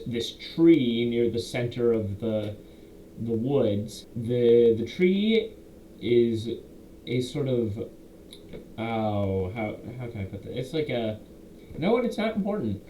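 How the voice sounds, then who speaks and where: A man's voice: mid-range voice, warm tone. Rambling young man in an echoey room. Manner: rambling, self-correcting, quotes players in quick asides. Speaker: game master recapping a campaign. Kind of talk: casual recap monologue. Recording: roomy echo, faint background hiss.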